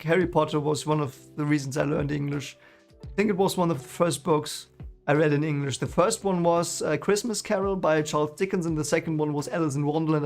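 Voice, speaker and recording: This streamer, reading his way through a book series, talks loosely with his live chat about his current book, wandering off with many fillers and false starts. He's a native German speaker with a German accent. The voice is on the high side, creaky and somewhat dark in tone.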